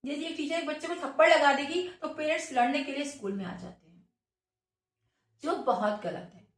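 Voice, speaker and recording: Woman teacher, high voice, earnest lecturing talk, echoey room, distant mic. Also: moderate pace. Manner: earnest, lecturing, tells a story. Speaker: government school teacher. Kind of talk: motivational talk to parents.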